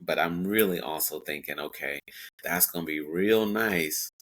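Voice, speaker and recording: Very deep-voiced man in his forties. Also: moderate pace, fairly bright tone, poor audio. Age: 40s. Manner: reflective, many fillers and self-quotes. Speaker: podcast guest. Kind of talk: casual interview talk.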